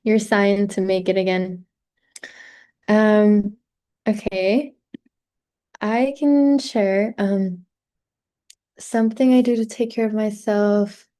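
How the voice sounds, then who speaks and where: A woman hosting an online group over a video call. Her voice is mellow and mid-pitched, and she talks in a relaxed, easy way. She fills her pauses with frequent ums. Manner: friendly, loose, with many filler ums. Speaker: host.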